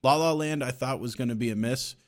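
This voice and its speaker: A man's voice: medium pitch, brisk. Laid-back young man telling stories. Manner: laid-back storyteller, profane. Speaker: podcast co-host. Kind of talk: casual podcast chat.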